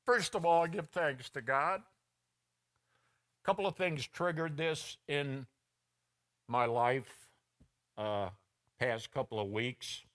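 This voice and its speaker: A middle-aged male pastor preaching from the pulpit in a slow, unhurried cadence. His tone is bright and forceful, and he tells personal stories, slipping into the voices of the people he quotes. The sermon feels personal and conversational. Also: a little high. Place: church sanctuary.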